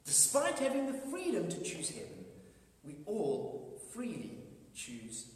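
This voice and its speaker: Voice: huge pitch swings, slow pace. Emphatic preacher in an echoing hall. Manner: emphatic, swinging between raised declarations and hushed low lines. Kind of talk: sermon. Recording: echoey hall, voice from far off.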